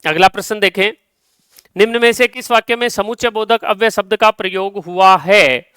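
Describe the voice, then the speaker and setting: A man teaching a live exam-solution lesson, explaining step by step and reading example sentences out slowly. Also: high-pitched, sharp tone, smooth, dry recording, clean studio sound.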